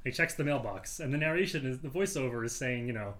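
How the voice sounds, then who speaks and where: A man co-hosting a casual film discussion, animated and quick to quote old radio ads. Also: mid-range voice. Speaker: podcast co-host.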